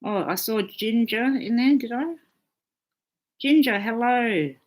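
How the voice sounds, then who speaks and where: A woman's voice: on the high side, slow. A woman astrologer hosting a casual live stream, chatting freely, swearing often and reading out viewer comments.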